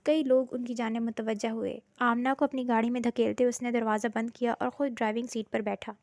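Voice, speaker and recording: A woman narrating a romantic storybook in a steady, dramatic reading voice, recorded close in a quiet room. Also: a little high, no room sound.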